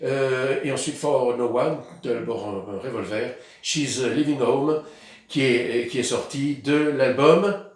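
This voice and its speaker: A man's voice: mid-range voice, takes it slowly. Rambling man, echoey sound. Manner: rambling, hesitant, many fillers. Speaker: vinyl record collector presenting his records. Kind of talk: casual vlog. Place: outdoors in the sun.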